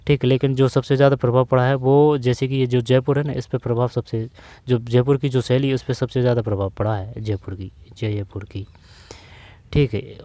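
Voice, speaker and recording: A man runs through exam questions in a relaxed tutoring style. His tone is dark and mellow, and the recording is dry and close. He repeats each answer several times and keeps checking in with the listener. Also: medium pitch, no echo. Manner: repeats key answers, frequent "theek hai" check-ins. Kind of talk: casual exam-prep lesson.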